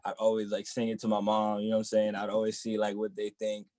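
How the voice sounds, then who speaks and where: A young man from the Boston area, a rapper in a relaxed interview, who keeps filling his talk with "you know what I'm saying.". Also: fairly low pitch, quick pace, no echo. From Boston area, United States. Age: young adult. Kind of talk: casual interview chat.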